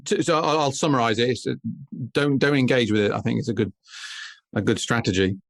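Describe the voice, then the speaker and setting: A man hosting a podcast interview, who sums up his guest's points in a measured way. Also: mid-range voice, fairly even intonation, vocal fry, a bit bright, no echo. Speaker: podcast host. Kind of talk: interview conversation.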